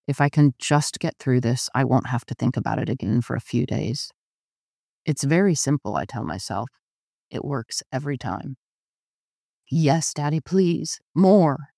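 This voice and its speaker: A man reading a first-person literary story aloud in a measured, intimate narration. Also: medium pitch, gravelly, darkish tone, no echo, clean studio sound. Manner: measured, intimate, often slow. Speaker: audiobook narrator.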